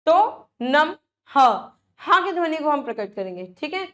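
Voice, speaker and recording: High-voiced, slow, patient Hindi teacher woman. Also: very animated, pushed and bright. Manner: patient, checks in with frequent questions to the children; draws out words slowly to model pronunciation. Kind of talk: classroom lesson for young children.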